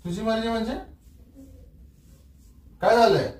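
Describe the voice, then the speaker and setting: A man's voice: high-pitched, unhurried, a little mellow. A man arguing with his wife in their bedroom at night, demanding to know why she is upset. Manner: puzzled, then irritated and demanding answers. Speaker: husband being pranked. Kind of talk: heated domestic argument. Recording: echoey room, far from the mic.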